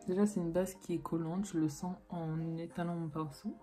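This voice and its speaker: A woman's voice: lowish voice, fairly even intonation, moderate pace, dark tone. A young woman from France chatting casually through a makeup tutorial as a beauty vlogger, full of fillers and restarts. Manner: chatty, filler-heavy, self-correcting. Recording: faint background music.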